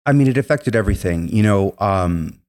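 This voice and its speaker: A young man who once served in the military, a native Spanish speaker, tells his story a little fast with lively intonation in a lowish, slightly mellow voice. As an interview guest he is sincere but wandering, sprinkling in "um" and "you know" constantly.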